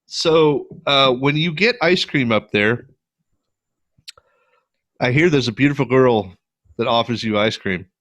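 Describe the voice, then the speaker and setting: A man hosting a podcast, bantering loudly with plenty of swearing and laughter. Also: medium pitch, unhurried, long pauses, no room sound, lo-fi sound. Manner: loud, laughing, profane banter. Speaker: podcast host. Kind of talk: casual chat.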